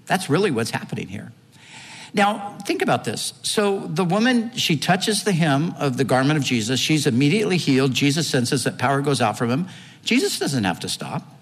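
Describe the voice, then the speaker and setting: A man's voice: fairly high pitch, very animated, moderate pace, husky, big-room sound. A man preaching a sermon and retelling a story vividly, with strong emphasis.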